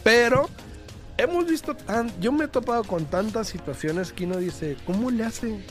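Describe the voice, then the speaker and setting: A man's voice: high voice, moderate pace, faint music behind. A man co-hosts an on-air talk show, commenting informally and rephrasing as he goes. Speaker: radio show co-host.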